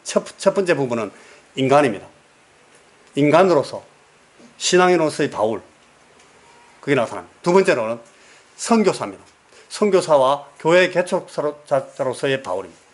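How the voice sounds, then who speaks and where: Male Korean pastor, sermon delivery, slightly high pitch, storytelling, asks the congregation questions, repeats key words. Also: very animated, normal speed, pauses often.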